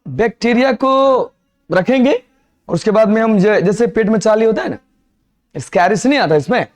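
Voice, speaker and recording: In a classroom, a biology teacher with a high-pitched voice lectures, repeatedly posing questions to students and answering them himself while mixing Hindi and English terms freely. His intonation is lively and his speed normal, with faint music in the background.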